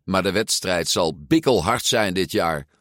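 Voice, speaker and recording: A man voicing an outspoken, quick-witted young girl in a storybook reading. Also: deep voice, expressive, fairly bright tone, no echo, studio quality. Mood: confident. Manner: determined, outspoken.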